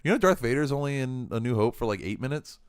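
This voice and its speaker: A young man co-hosting a casual film-review podcast, playful and quick to act out scenes. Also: mid-range voice, expressive, clean tone, dry recording, clean studio sound. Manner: playful, acts out movie lines in quotes. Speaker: podcast co-host.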